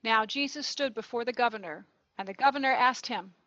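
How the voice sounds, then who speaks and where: A woman narrating a gospel reading in a church service, clear and measured. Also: on the high side, a bit bright, no echo, lo-fi sound. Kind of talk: liturgical scripture reading.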